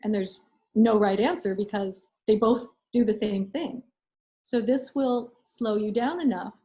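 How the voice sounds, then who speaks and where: Speaking a little slowly in a mellow, medium-pitched voice, a woman fields questions during a casual webinar. As a medical school admissions advisor, she offers students frank, practical guidance, with fillers and restarts along the way.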